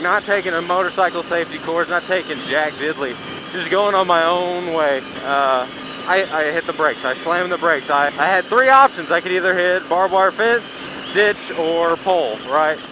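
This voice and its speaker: Higher-voiced man riding, talking inside a helmet. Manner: heavy casual swearing, blunt. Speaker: motovlogger. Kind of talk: casual rambling vlog chat while riding. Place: outdoors on a moving motorcycle. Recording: loud engine and wind noise. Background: engine, vehicle and road noise.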